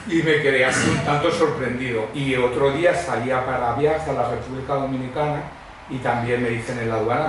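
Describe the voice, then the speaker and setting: A middle-aged or older man from Madrid, Spain, speaks as a guest preacher sharing his testimony with a congregation in a church hall. His mid-range voice is chatty and expressive, wandering off on tangents and humorous anecdotes. The recording is very echoey with a distant mic and faint noise.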